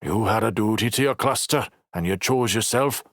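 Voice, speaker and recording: A man narrating an audiobook voices a bitter, injured male crew leader with a rough, growling, scornful delivery. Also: fairly low pitch, normal speed, no echo, studio quality, voice pushed up.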